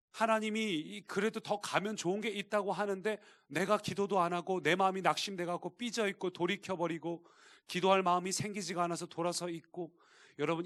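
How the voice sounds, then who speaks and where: A male pastor preaching a sermon, shifting between quiet explanation and emphatic appeals to the congregation. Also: high voice. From Korea. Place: church sanctuary.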